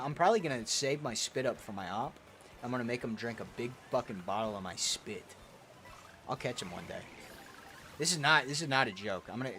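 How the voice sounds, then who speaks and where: A man's voice: medium pitch, fairly bright tone, slight background noise. A young man streaming a kart racing game, reading chat aloud and answering in crude, profane banter. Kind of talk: casual gaming stream chat.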